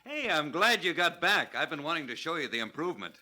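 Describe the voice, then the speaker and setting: An actor playing a cheerful, folksy store manager, eager and chummy, in scripted training-film dialogue. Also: male voice, on the high side, sing-song, fairly quick, sharp tone, exaggerated voice.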